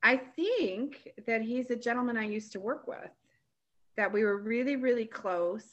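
A woman's voice: on the high side, normal speed, lo-fi sound. A woman receiving a psychic reading over a call, speaking hesitantly and carefully. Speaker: client at a reading. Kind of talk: casual conversation.

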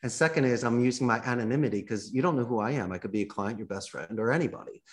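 A man speaking as a guest in a podcast interview, with a plain mid-pitched voice. He talks with animation and breaks into quoted lines to act out sample phone calls. His delivery is coaching and talkative. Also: fast. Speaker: guest, call center owner.

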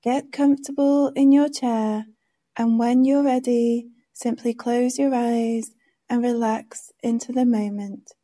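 Female meditation guide: soft, very warm and dark timbre, drawn-out calm delivery. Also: fairly high pitch. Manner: gentle, soothing, unhurried instructions.

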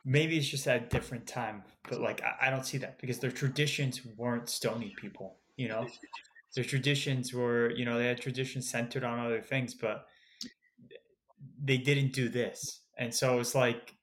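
A man's voice: medium pitch, steady tone, moderate pace, fairly bright tone. A man co-hosting a book podcast, talking hesitantly and restarting his sentences. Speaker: podcast co-host. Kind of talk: casual book discussion.

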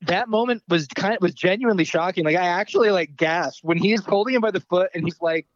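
A man in a casual podcast chat, easygoing and agreeable as he recounts scenes. His voice sits slightly high. The audio is dry and muffled, with lo-fi sound. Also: a little fast, no echo. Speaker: podcast co-host. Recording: dull lo-fi audio.

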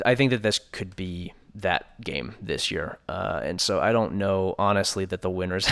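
A man's voice: low-pitched, gravelly, fairly bright tone. A man co-hosting a casual sports podcast, rambling through predictions with dry sarcastic asides. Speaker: podcast co-host.

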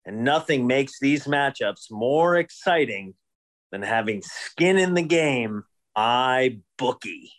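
A man's voice: medium pitch, expressive, a bit bright. A man hosting a podcast, joking around with crude humor. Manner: joking, crude, slow drawl. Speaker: podcast host. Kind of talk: casual podcast chat.

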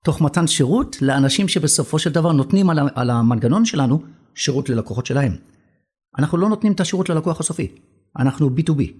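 Speaking with an Israeli accent, a middle-aged man who serves as a company country manager talks as an interview guest in a conversational business setting. The voice is a little high, expressive and husky with a darkish tone, and he is emphatic, repeating phrases for weight.

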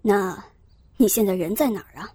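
A woman voicing an irritated young man, a fiancé speaking on the phone, brusque and hurried. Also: mid-range voice, dark tone, slightly rough, no echo, pitched below the performer's own voice, lightly acted. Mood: impatient.

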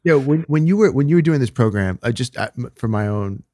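A man's voice: medium pitch, lively intonation, fast talker, warm tone, no echo, studio quality. A man interviewing someone in a casual, conversational way, with colloquial and somewhat hesitant phrasing.

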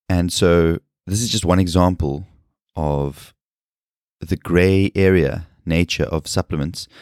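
A man in his thirties, hosting a solo podcast, speaking with a scratchy and hoarse voice in an earnest, explanatory way. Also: low-pitched, a little mellow, dry recording, clean studio sound. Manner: earnest, explanatory, with fillers and pauses. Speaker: podcast host and personal trainer.

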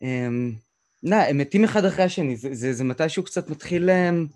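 A man's voice: on the high side, lively intonation, darkish tone. A man conducting a conversational interview, hesitantly searching for his words as he frames questions and remarks.

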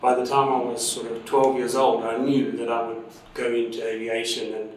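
A man from Zimbabwe, a drone instructor and pilot, reminisces about his past as a guest in a casual interview, talking fast in a mid-range voice with little pitch movement. His warm, rambling storytelling is full of ums and restarts, and he sits far from the mic in a very echoey room with slight background noise.

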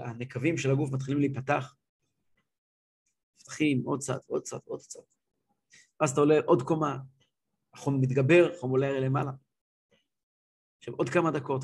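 A man with a high-pitched voice teaches a religious class as a rabbi. He tells stories with gusto, acts out the scenes and repeats words as he builds to the point. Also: gravelly, husky. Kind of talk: lively storytelling lesson.

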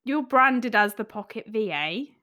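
A woman's voice: fairly high pitch, animated, unhurried, bright, forceful tone. A woman hosting a podcast interview in a casual, chatty and enthusiastic way. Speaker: podcast host.

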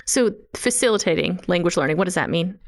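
A native English-speaking woman co-hosting a podcast as a psychology lecturer, asking questions in a brisk, upbeat way. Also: lowish voice, animated. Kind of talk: podcast conversation.

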